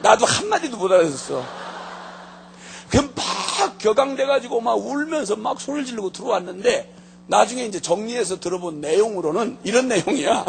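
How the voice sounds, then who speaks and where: A man preaching a sermon as pastor, telling stories in a lively way with comic asides. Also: high-pitched, a little fast, gravelly, slight background noise.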